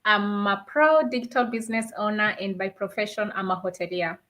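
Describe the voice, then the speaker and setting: Calm, bright-voiced woman panelist. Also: mid-range voice, fairly quick. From Kenya.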